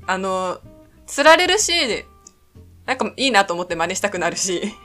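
A woman's voice: mid-range voice, sing-song, moderate pace, sharp tone, soft background music. A woman from Sapporo chatting casually as a podcast co-host, attentive and agreeable in how she responds. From Sapporo, Japan. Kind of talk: casual chat.

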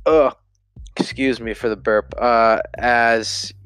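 A man's voice: mid-range voice, unhurried, clear, resonant tone, no room sound, soft background music. A man giving a casual spoken film review, rambling with lots of fillers and self-corrections.

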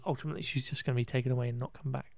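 A man races through a podcast film recap in a medium-pitched voice with vocal fry and fairly even intonation, in studio quality with no room sound. He's casual and rambling, wry and exasperated, restarting and swearing now and then.

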